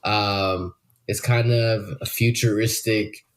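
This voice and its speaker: A man's voice: on the low side, level tone, takes it slowly. A young man co-hosting a podcast in casual chat, rambling loosely with lots of fillers and swearing. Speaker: podcast co-host.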